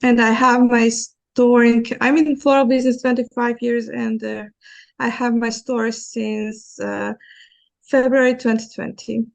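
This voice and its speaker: Middle-aged Croatian-accented florist on a video call, halting, higher gravelly voice. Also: female voice, little pitch movement, darkish tone. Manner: hesitant, halting speech with fillers. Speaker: florist, workshop participant. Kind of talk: casual chat on a video call.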